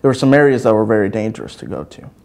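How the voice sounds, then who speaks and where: Lower-voiced man recalling his childhood. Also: racing, darkish tone. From El Salvador. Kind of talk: interview.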